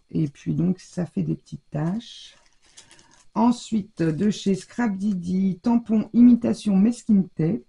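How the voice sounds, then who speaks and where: A woman's voice: lowish voice, gravelly, dark tone. A French woman casually showing her scrapbooking haul, chatty and rambling, with a scratchy throat and a stuffy nose. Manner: chatty, rambling, many fillers. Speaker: scrapbooking vlogger. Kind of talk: casual show-and-tell haul.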